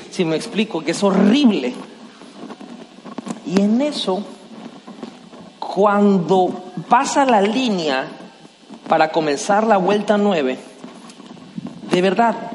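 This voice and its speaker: Male pastor, high, animated storyteller, preaching in a church hall with long reverb. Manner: animated, acts out scenes with shouts and quoted voices. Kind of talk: storytelling sermon. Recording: echoey hall, slight noise.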